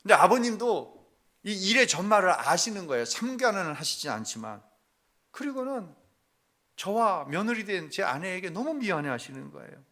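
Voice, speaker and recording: At a normal pace and in a high-pitched, very animated voice, a middle-aged male pastor tells a family story from his own life during a sermon. He shifts back and forth between hushed confession and loud, dramatized quotes.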